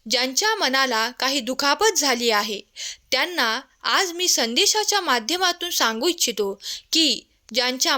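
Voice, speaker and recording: Bright, high-voiced woman reading devotional messages. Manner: gentle, tender address to the listener as a child.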